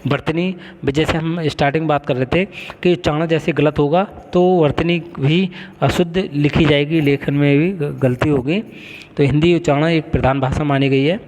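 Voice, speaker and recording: A man teaching a college class, explaining step by step and often pausing to check the class is following. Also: fairly high pitch, fairly even intonation, darkish tone. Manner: explains with frequent checks of "ठीक है". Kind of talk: classroom lecture. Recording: long hall reverb.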